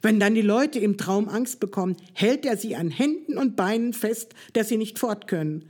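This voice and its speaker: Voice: medium pitch, animated, moderate pace, a little mellow, breathy edge. A reader voicing a kindly, playful king of dreams in a storybook reading. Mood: amused. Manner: friendly, teasing storyteller.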